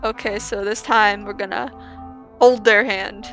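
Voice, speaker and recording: A woman's voice: mid-range voice, steady tone, slow, fairly bright tone, soft background music. A woman playing and reading aloud a text game, laughing often and adding playful asides. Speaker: gamer.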